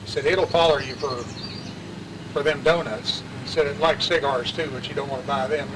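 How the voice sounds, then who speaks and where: A man's voice: mid-range voice, steady tone, brisk. An older man with an Appalachian West Virginia accent, telling family stories in a rambling, colloquial, folksy way. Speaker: interviewee sharing family memories. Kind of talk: casual oral-history storytelling. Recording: distant mic, clear outdoor traffic noise.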